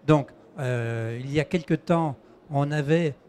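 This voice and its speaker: Guy moderating a panel, a bit high voice, hesitant, restarts his sentences. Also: unhurried, darkish tone, a little hiss or hum. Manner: hesitant, restarts sentences while posing questions.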